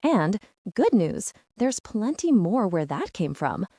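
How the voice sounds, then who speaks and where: Woman reading as a male vampire king, cruel, sneering, falsely cheerful, animated pitch. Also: slow pace, slightly rough, no echo, studio quality, exaggerated voice. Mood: gloating. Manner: gleeful, taunting, falsely friendly.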